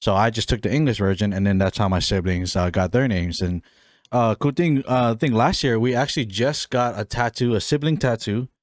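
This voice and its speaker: Pitched fairly low and talking fairly quickly, this man is a young podcast host from Hawaii. He chats on his own about himself, friendly and rambling, with lots of fillers and restarts, captured in clean studio sound without any room sound.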